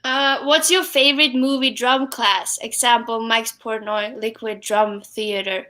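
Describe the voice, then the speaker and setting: A young adult woman from Sweden with a Swedish accent, a drummer talking in a casual live-stream interview, halting, with many fillers and restarts. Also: on the high side, fairly even intonation, pushed and bright. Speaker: guest drummer. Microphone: wireless headphones.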